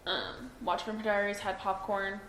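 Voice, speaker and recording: A woman's voice: medium pitch, normal speed, fairly bright tone. A young woman being interviewed by police, hesitant and full of ums and self-doubt. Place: interview room. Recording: echoey room, faint noise.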